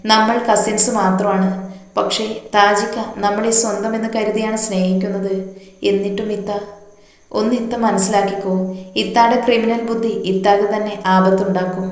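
A woman's voice: mid-range voice, level tone, normal speed, close to an everyday voice. A woman voicing an earnest younger sister who lectures her older sister. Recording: very echoey room.

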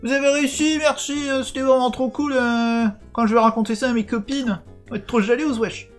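A man voicing an excited young girl townsperson from a game, gushing and slangy. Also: very high-pitched, a little fast, faint music behind, pitched above the performer's own voice.

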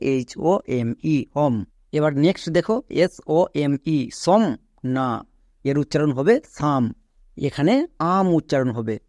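A man's voice: fairly high pitch, a little mellow, dry recording, studio quality. A young man with a Bengali accent teaching English spelling in a lesson, explaining step by step and answering his own questions. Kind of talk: classroom-style spelling lesson.

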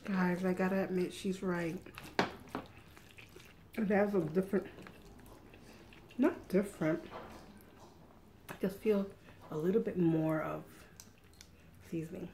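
A woman's voice: on the low side, steady tone, takes it slowly, long pauses, warm tone, a little hiss or hum. A middle-aged woman hosting an eating show, chatting casually while she eats at home. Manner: chatty, eats and talks with mouth full.

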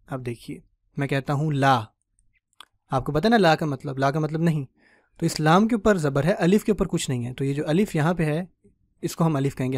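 Male teacher with a slightly high voice and dry close sound, patient, keeps checking the class follows. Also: a little mellow, dry recording. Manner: patient, explanatory, checks in with the listener often; spells out word endings slowly. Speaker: Arabic grammar teacher. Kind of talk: online grammar lecture.

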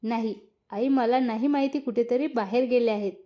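A woman's voice: on the high side, normal speed, warm tone, natural voice. A woman voicing a shy, nervous young wife who speaks timidly in a read-aloud story. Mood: soft. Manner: timid and hesitant.

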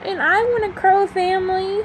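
A woman of twenty-five talking in an emotional, halting way into a phone held close, at home at night. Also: very high-pitched, fairly even intonation, poor audio. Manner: emotional, halting, with many pauses and fillers. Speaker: vlogger. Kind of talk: confessional personal vlog. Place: small room at home at night, fan running. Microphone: phone held close to the face. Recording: faint fan hum in a home room. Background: faint fan hum.

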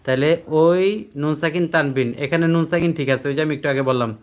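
Patient teacher, slow chanting. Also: male voice, on the high side, fairly even intonation. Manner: patient, repetitive, checks understanding with questions; chants recited words slowly, drawing out syllables. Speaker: Quran reading teacher; addressed as hujur by students. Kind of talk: classroom lesson explaining recitation rules. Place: classroom with adult students.

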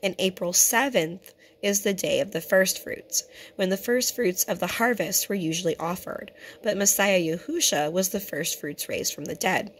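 In a home-made teaching video, a Torah fellowship teacher gives an earnest, conversational scripture lesson, calling her viewers brothers and sisters. Her voice is hoarse and on the low side, she clears her throat repeatedly, and she speaks at a moderate pace over a slight hiss or hum.

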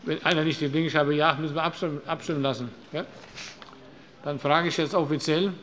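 A man's voice: a little high, steady tone, quick pace, fairly bright tone, slight background noise. A man chairing a parliamentary session, reading out procedural notices formally with occasional brief asides, with a slight Hessian accent. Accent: German from Hesse. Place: large parliament chamber. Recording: long hall reverb in a chamber.

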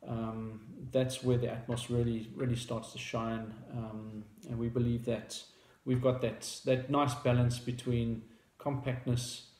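Seated at a table in a small room, this thirtysomething founder with a South African accent talks to camera about his product in a casual way, stumbling through fillers and restarts. His voice sits at medium pitch with little variation, his pace is measured, and his tone leans dark. The space sounds reverberant.

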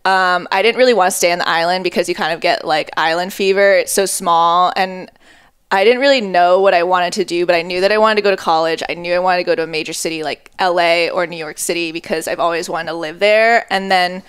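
Talking into a headset mic in a small dining room, this twenty-something film editor, Japan-born and raised across Connecticut, China and Hawaii, keeps a relaxed podcast chat peppered with "um," "like" and deadpan humor. Her lowish voice is brisk and fairly bright, with a clean tone on a dry recording.

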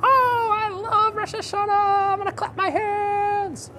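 A man voicing a silly, excitable young friend who keeps mixing up the holidays, in a giddy, high-spirited way. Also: measured pace, noisy background.

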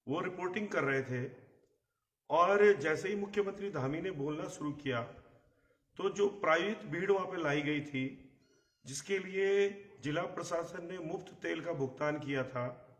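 A middle-aged man with a hoarse voice, giving emphatic live political commentary and clearing his throat. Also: fairly high pitch, a little slow, fairly bright tone, echoey room. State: hoarse, recovering from a bad cough. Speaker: journalist and live show host. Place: outdoor terrace in the hills. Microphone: phone a short distance away.

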